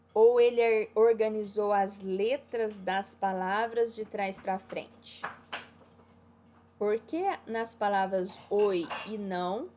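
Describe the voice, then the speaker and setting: A woman's voice: mid-range voice, darkish tone. A woman teaching an online class to children, walking them through exercises patiently and checking in often. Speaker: primary school teacher.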